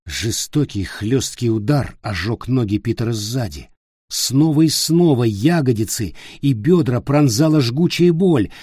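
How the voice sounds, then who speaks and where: A man narrates a story in an unhurried, measured way, his pitch rising and falling with the drama. His voice has a husky grain. The recording is dry and close, with no room around it. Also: mellow, dry recording. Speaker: audiobook narrator. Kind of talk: scripted narration.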